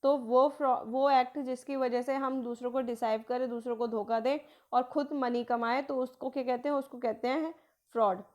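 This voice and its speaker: A woman with a somewhat high voice teaches exam vocabulary. She reads each English phrase out slowly and then explains it at length. She keeps asking a question and then answering it herself. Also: steady tone, darkish tone. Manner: asks and answers her own questions, repeats key words; mixes in English phrases, slowing to read them out. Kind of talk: explanatory lesson.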